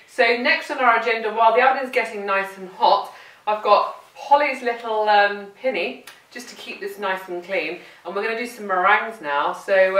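A woman with a bright, forceful, medium-pitched voice hosts a cooking demonstration in her home kitchen. She's chatty and playful, addressing the food as she goes, captured by a distant mic in a roomy space.

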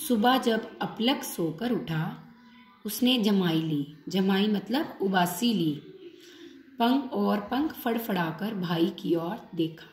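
A woman's voice: mid-range voice, animated, slow pace, a little hiss or hum. A woman teacher reading a storybook lesson aloud and patiently retelling each line in simpler words. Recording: echoey room.

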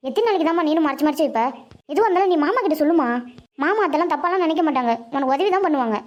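A woman doing a tearful cartoon daughter, very high, quick, pleading and earnest. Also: lively intonation. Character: tearful, upset teenage daughter. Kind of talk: Tamil cartoon voice acting.

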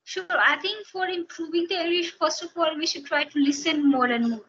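A very high-pitched, brisk woman from Bihar, a native Hindi speaker with an Indian accent, is an English-teacher guest in a casual video-call interview. She explains steadily and repeats phrases while she thinks. She's in a small room wearing headphones, and the audio is dull and lo-fi with faint noise.

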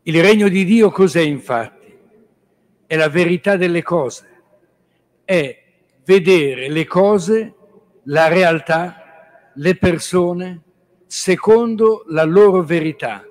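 A man, a priest, giving a spiritual reflection on scripture. He speaks in a measured, reflective way and keeps restating his points. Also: sits high.

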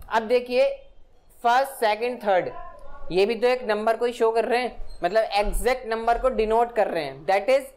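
A woman teaching English grammar in Hindi. She reads English examples slowly and often stops to ask whether the point is clear. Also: medium pitch, a little mellow. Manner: explains in Hindi, reads English examples slowly, asks frequent check-in questions. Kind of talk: classroom-style grammar lesson.

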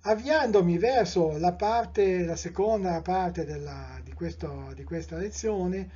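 A middle-aged man with an Italian accent giving a live lecture in a measured, discursive way, with fillers, self-corrections and rhetorical questions to his listeners. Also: high voice, mellow, husky. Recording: dull lo-fi live lecture recording.

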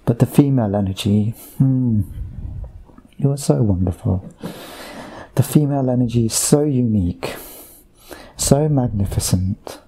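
A man speaking under hypnosis as a channeled voice, slow and repetitive, addressing listeners like a sermon. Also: medium pitch, mellow, breathy edge.

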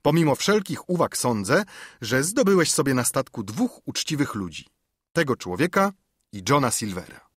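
Brief: level-headed doctor, measured and conciliatory, slightly husky, a male reader voices him. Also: mid-range voice, very animated, no room sound, clean studio sound. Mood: calm. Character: calm, reasonable male doctor.

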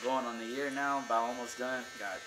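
Quick-talking man with shop noise. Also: mid-range voice. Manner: easygoing, relaxed, says "man" often. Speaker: barber student interviewee. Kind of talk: casual interview chat. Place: barber school station indoors.

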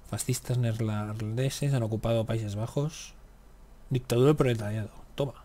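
In a mellow, mid-range voice with a steady tone and normal speed, a man comments casually on a strategy game he's playing for YouTube. He mutters to himself, grumbling and swearing at the game.

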